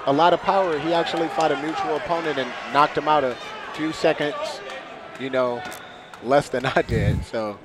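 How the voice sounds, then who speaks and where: A man's voice: fairly high pitch, moderate pace. A man, a fighter himself, giving casual guest commentary at a live fight. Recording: crowd and music behind.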